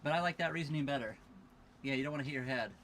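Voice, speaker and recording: A crowd murmurs in the background as a young man races through his words in a mid-range voice. Tired but casual, he hosts a livestream from a sailboat cabin tied up at a marina, reading viewers' questions aloud and giving thanks to his followers.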